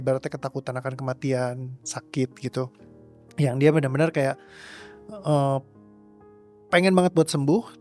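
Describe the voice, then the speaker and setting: Young man, casual rambling coach talk, mid pitch, faint music underneath. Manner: relaxed, rambling, mixes English words into speech. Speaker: trauma release coach. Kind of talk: casual interview answers.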